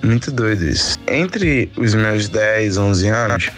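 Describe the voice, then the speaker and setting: A young Brazilian man with a lowish voice tells his story as an interview guest. He talks loosely and casually, throwing in slangy tags as he goes. Soft music plays faintly behind him. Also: takes it slowly. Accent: Brazilian Portuguese. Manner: relaxed and slangy, with frequent filler tags. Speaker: guest guitarist.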